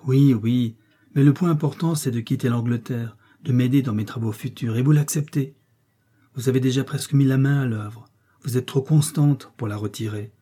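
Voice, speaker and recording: A man's voice: medium pitch, moderate pace, dark tone, husky, lightly acted. A man reading the part of a stern young male missionary, speaking in a brief, commanding and insistent way.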